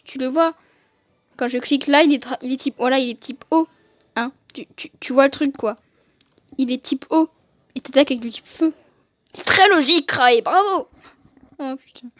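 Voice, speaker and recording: A woman with a high-pitched voice chatting through her gameplay, joking and poking fun at herself. She talks close to a desk microphone, and the sound is dry, with no room echo. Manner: joking, chatty, self-mocking. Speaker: gaming video host. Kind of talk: casual gameplay commentary.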